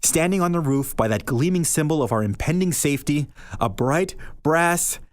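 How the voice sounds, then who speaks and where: A male podcast host reads a short story aloud, expressive and deliberate, slowing down for emphasis. His voice is a little high, and there's no echo.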